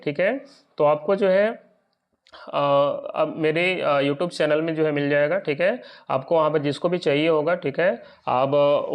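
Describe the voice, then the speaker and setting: A man teaching an exam lesson. He often checks whether his listeners are following. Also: on the high side.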